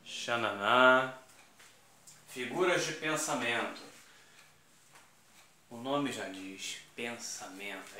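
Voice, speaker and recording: A man gives an exam-prep grammar lesson. His delivery is casual and emphatic, with slang and asides to the students. His tone is bright and forceful, and a heavy room echo surrounds every word. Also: medium pitch. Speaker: Portuguese teacher. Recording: very echoey classroom.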